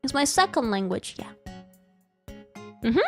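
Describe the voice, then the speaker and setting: Rambling and giggling through a playful live stream chat, this young woman from Brazil speaks Portuguese as her first language. Her fairly high voice swings widely in pitch at a slightly slow pace, over faint background music.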